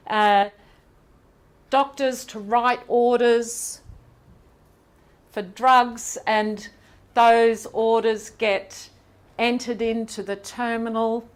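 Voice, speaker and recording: An Irish woman professor gives a seminar lecture in a lecture hall, lively and chatty with quick asides and questions for the audience. Her voice is smooth and on the high side.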